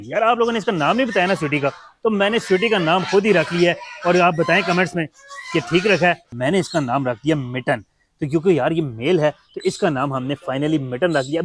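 A man's voice: fairly high pitch, background noise. A man chatting casually as he shows his mini zoo, fondly talking to his birds and pets. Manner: chatty, fond, talks to his animals. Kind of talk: casual vlog chat.

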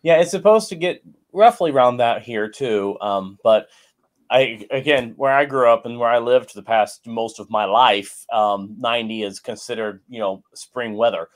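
A man's voice: medium pitch, moderate pace. A man co-hosting a show, chatting casually and telling easygoing stories. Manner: relaxed, chatty storyteller. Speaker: co-host. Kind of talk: casual chat.

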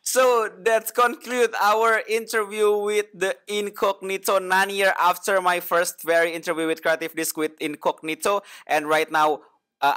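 A male interviewer with a bright, forceful voice. He keeps the chat moving with eager prompts and plenty of "mm"s. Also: fairly high pitch. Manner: eager, says "mm" a lot, simple phrasing. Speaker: interviewer, host. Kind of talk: interview hosting.

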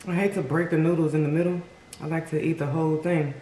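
A woman's voice: deep voice, steady tone, fast talker, mellow. A woman chatting casually to viewers as a mukbang host, talking between bites and humming as she tastes. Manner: eating while talking, with savouring mm sounds. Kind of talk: casual food-tasting chat to viewers. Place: indoor room at home, seated at a table. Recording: roomy echo with background noise.

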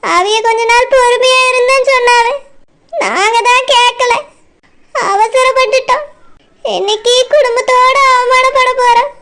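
Someone doing a crying village mom in a cartoon, tirunelveli tamil, super high and bright. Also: measured pace, slight background noise, heavily acted. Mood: lamenting. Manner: lamenting, worried about shame. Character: anxious middle-aged village mother, weeping. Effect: high sped-up cartoon voice.

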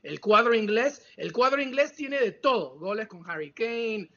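Peruvian man in his forties, high bright voice, emphatic football pundit, dull video-call audio. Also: lively intonation, moderate pace. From Peru. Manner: emphatic, exclamatory, mixes in English words. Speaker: football analyst. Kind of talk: casual sports debate. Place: home room.

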